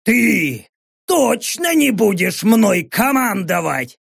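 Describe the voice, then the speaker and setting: A man's voice: sits high, very animated, takes it slowly, vocal fry, a bit bright, slightly rough, pitched above the performer's own voice, full character voice. A man voicing a hulking, rowdy male orc soldier who bellows crude insults in an audiobook. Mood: defiant.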